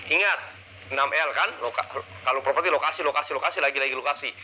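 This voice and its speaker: A man's voice: on the high side, fast, sharp tone, a little hiss or hum, poor audio. A man leading a live public speaking seminar, energetically drilling the audience with call-and-response questions into a handheld mic. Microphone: handheld microphone.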